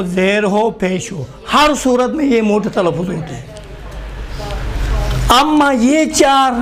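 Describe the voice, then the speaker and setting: A man teaching Quran reading in a live class, slowly repeating letters for students to write down. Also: high voice.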